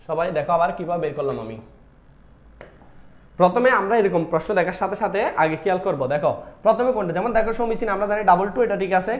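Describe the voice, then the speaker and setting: A man with a fast, high voice teaches a live online class for the Bangla admission test, explaining spelling questions from an echoey room. He addresses students directly, keeps saying "dekho," and asks questions only to answer them himself.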